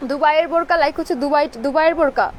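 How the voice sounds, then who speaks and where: A woman from Bangladesh hosting a live clothing sales stream, mixing in English words and repeating product codes and prices. She is fasting, and her throat is a little dry. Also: high voice, steady tone, a little hiss or hum.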